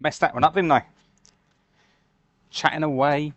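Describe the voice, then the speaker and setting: A man talks in an unhurried, easygoing way, answering viewers as he works. His voice sits a little higher than most men's. He lets his words stretch out slowly between tasks. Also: dry recording. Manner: relaxed, chatty, reads and answers viewer comments. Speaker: livestream host making fishing lures. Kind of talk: casual live-stream chat while crafting.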